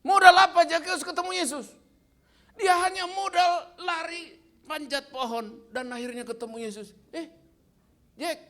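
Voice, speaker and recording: A man in his fifties giving a lively sermon as guest speaker, quizzing the audience with playful questions. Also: very high voice, moderate pace.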